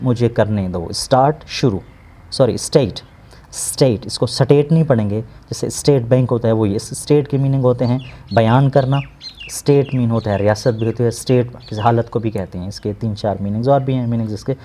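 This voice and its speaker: A man teaching an English lesson, slowly translating word by word and repeating each meaning with synonyms. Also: medium pitch, mellow. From Pakistan. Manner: slow, explanatory, repeats words and gives synonyms.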